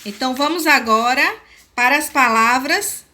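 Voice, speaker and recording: A woman teacher with a Brazilian accent giving a lesson, speaking slowly and spelling words out syllable by syllable. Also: sits high, pushed and bright. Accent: Brazilian Portuguese. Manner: slow, deliberate, spelling out syllables. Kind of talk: recorded classroom lesson.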